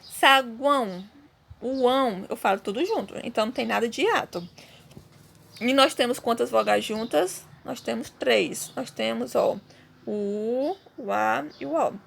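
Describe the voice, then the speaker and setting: Gravelly-voiced teacher, patient and methodical. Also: female voice, fairly high pitch, moderate pace. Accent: Brazilian Portuguese. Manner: patient, explains step by step with frequent "tá bom?" check-ins. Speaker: Portuguese teacher. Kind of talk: recorded online class.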